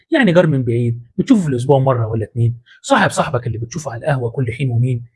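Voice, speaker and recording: A man with a husky, darkish, medium-pitched voice and an Egyptian Arabic accent hosts a motivational psychology talk. His style is colloquial and punchy, with street-slang asides.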